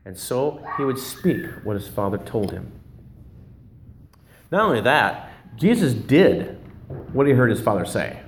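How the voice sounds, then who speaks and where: A man's voice: medium pitch, sing-song, measured pace, pauses often, roomy sound, a little hiss or hum. A man preaching a sermon in an informal, conversational way, sometimes hunting for his notes and restarting phrases. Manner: casual, searching for words, loses his notes. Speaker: pastor.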